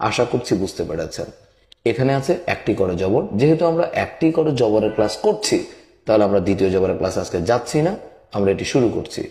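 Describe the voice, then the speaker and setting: A man's voice: on the low side, mellow, reverberant. A man teaching an online Quran reading class, repeating each rule and asking then answering his own questions. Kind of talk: online Quran recitation lesson.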